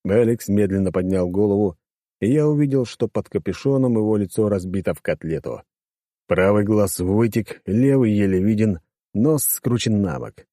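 A man's voice: lowish voice, moderate pace, dark tone, no echo, clean studio sound. A man reading a first-person audiobook in a casual, crude, wisecracking manner. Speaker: audiobook narrator.

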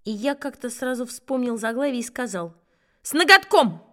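High-voiced woman reading a children's story. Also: fairly quick. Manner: lively, expressive first-person telling. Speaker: story reader.

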